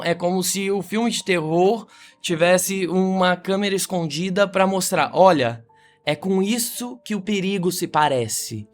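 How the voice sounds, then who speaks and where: Brazilian male podcast host, reflective monologue, slightly raised pitch, faint music bed. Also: fairly bright tone. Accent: Brazilian Portuguese.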